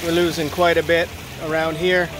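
This man's voice is fairly high and level, moving at a moderate pace against a noisy background. He's a water feature installer giving a plain, practical walkthrough beside a backyard stream, thinking aloud as he inspects and films on a handheld phone.

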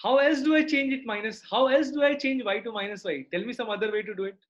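A man's voice: very high-pitched, fast, a bit bright. South Indian accent, male online maths teacher, explanatory, frequent tag questions, slightly muffled lo-fi audio. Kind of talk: live interactive online lesson.

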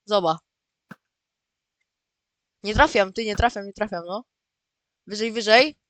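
A man giving casual, excitable gameplay commentary as the host of his own channel, often repeating words and calling out to his viewers. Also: high voice, unhurried, no echo. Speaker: gaming video host.

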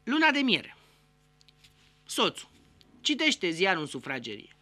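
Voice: mid-range voice, wildly swooping pitch, sharp tone, no echo. A host telling a string of jokes in a casual monologue, acting out the characters. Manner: acts out joke characters with raised voice.

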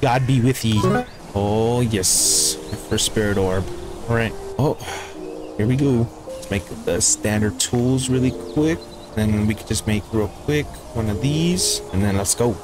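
A young man giving casual, excitable commentary as he plays a video game, talking to himself about what he sees. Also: on the low side, unhurried. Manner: chatty and excitable, talks to himself while playing. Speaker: gaming YouTuber. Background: game music.

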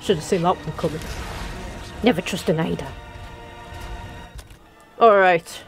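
A woman giving jokey, excitable let's play commentary, talking back to the game characters. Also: fairly low pitch, a little slow, music in the background. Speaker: gaming channel host.

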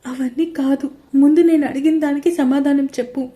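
A woman's voice: sits high, steady tone, moderate pace, mellow, natural voice. A woman voicing an upset, tearful young wife pleading with her husband in an audio story.

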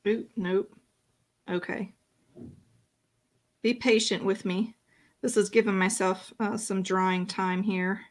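A woman's voice: medium pitch, steady tone, slow pace, long pauses. A woman running a casual live-stream painting lesson, chatting and talking to herself as she works. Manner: chatty, self-talking while working. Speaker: painting instructor.

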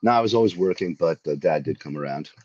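A man's voice: low voice, quick pace, no room sound, dull audio. A man from Long Island, a video game translator, talking casually as an interview guest with many fillers. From Long Island, New York. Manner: relaxed, hesitant with fillers, playful.

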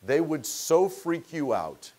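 A man's voice: a little high, big pitch swings, slow pace, a little mellow. A middle-aged man giving a seminar lecture to a small audience, telling stories in a conversational way and often restarting words mid-sentence. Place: meeting room with audience.

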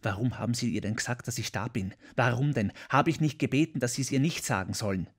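A man voicing an agitated, grieving gentleman in an audiobook, curt and pressing. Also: mid-range voice, quick pace, breathy edge. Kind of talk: audiobook character voice.

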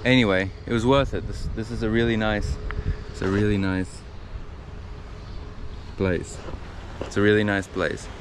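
A young man talking casually to his handheld camera outdoors for a travel vlog, relaxed and unhurried. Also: lowish voice. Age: young adult. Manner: relaxed, unhurried, repeats himself. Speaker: travel vlogger. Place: outdoors on a seaside hill and in thick bushes. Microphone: action camera held close. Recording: outdoor camera audio with wind noise.

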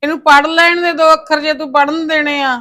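Angry punjabi wife nagging her drunk husband, high bright voice played by a woman. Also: level tone, a little fast. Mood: scolding. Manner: scolding, nagging, bitter. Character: fed-up scolding Punjabi wife and mother. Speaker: wife and mother.

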